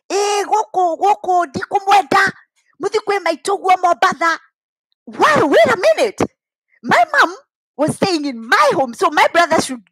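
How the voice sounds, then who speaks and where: Middle-aged kenyan lady w kikuyu accent telling her life story, really high voice, dramatic, close dry headset sound. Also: fairly bright tone, no echo, poor audio. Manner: dramatic, emphatic, with rhetorical questions. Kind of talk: animated personal storytelling. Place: home kitchen, indoors.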